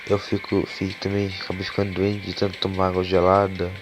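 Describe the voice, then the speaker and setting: This is casual gameplay commentary from a YouTuber, deep-voiced and brisk, sounding congested and hoarse from a cold. He curses and gets excited over each card as he opens packs, with game music underneath.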